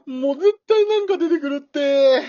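A woman's voice: sits high, expressive, moderate pace, dark tone, no room sound. A woman voicing a timid, grumbling elderly husband with a Kansai accent in an amateur radio drama, whiny and easily scared. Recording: dull dry lo-fi recording.

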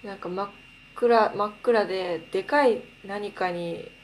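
A woman's voice: mid-range voice, measured pace, slight background noise. A woman from Akita, Japan, hosting a casual chat in an easy, conversational way. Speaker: podcast host who teaches Akita dialect.

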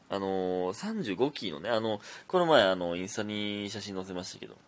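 A man's voice: on the low side, animated, moderate pace. A young man with a Kansai accent hosting a casual solo podcast, chatting and reading listener messages aloud. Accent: Kansai Japanese. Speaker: podcast host.

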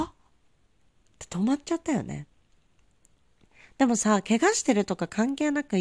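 A woman hosts a podcast and tells a story in a casual, animated and exasperated way. Her voice sits low with a gravelly fry and swings widely in pitch. The sound is close and dry. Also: no room sound. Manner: animated, exasperated, fond of rhetorical asides. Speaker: podcast host. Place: abroad in Southeast Asia.

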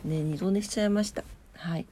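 A woman with a lowish, warm voice speaks briskly over a little hiss or hum, her voice nasal, congested and drowsy. As host of a daily morning weather and today-in-history program, she chats casually while reading out weather and trivia notes, sleepy and unpolished.

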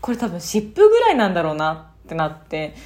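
A woman's voice: fairly low pitch, fast. A young adult woman telling a personal mishap story alone in a casual monologue, acting out sounds as she goes. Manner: animated, sound-effect-laden retelling. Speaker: solo radio talker.

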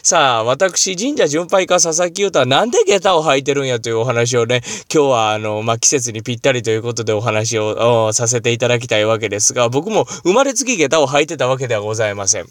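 A man's voice: mid-range voice, animated, fast, hardly any pauses, dry recording, clean studio sound. A man from the Kansai region with a Kansai accent, hosting a solo talk show and telling a personal story in polite, formal phrasing dotted with casual dialect. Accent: Kansai Japanese. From Kansai region of Japan. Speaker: podcast host.

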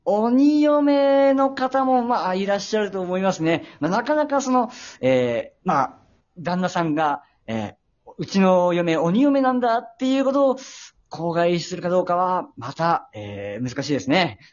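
A young man hosting a casual talk show, telling a story politely and hesitantly, with many pauses and filler sounds. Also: high voice, expressive, dull audio. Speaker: host.

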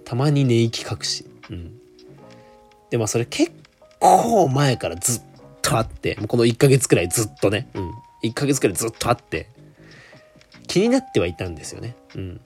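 A man's voice: medium pitch, sing-song, moderate pace, a little mellow, soft background music. A young man, telling a work story in a chatty solo monologue full of asides. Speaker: solo podcaster. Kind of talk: casual monologue.

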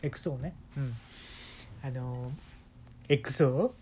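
A man with a Kansai accent telling an absurd story in a rambling, deadpan way as the host of a talk show. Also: medium pitch, measured pace, a little hiss or hum. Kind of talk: comic storytelling monologue.

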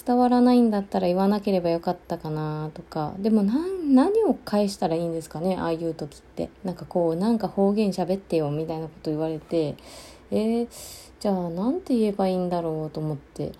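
A woman from Okinawa hosting a solo podcast, chatting casually with many fillers and pauses. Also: lowish voice, lively intonation, mellow. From Okinawa, Japan. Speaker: podcast host.

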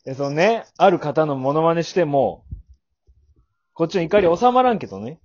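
A man co-hosting a casual podcast chat, scolding his partner in mock anger with sudden shouted jabs. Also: on the high side, sing-song, measured pace, dull audio. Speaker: podcast co-host.

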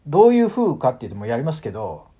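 A man hosting a casual solo audio talk, animated and full of fillers, acting out sounds as he explains. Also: mid-range voice, rapid-fire, slightly rough. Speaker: podcast host.

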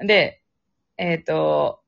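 A woman's voice: low voice, very slow, gravelly. A young woman with a Kansai accent, chatting casually on a podcast and telling a spooky story, laughing often. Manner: chatty, laughs often, acts out phone voices. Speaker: podcast co-host. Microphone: app recording over phone. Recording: dull lo-fi app recording.

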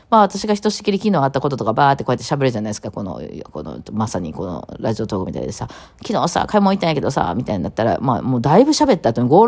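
A woman with a Kawachi Osaka accent and a low, gravelly voice, chatting on her own in a rapid-fire, piling-on way. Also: a little mellow. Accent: Kawachi Osaka dialect. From Kawachi, Osaka, Japan. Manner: rapid-fire, piling on one topic after another. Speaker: radio talk host. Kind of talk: casual solo talk.

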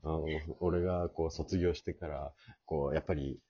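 A man in his late thirties hosting a casual comedy podcast, telling stories about his school days in a chatty, lively way. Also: a bass voice, moderate pace, breathy edge, muffled recording. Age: late 30s. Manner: storytelling, lively reminiscing. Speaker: comedy duo podcast host. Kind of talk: casual chat.

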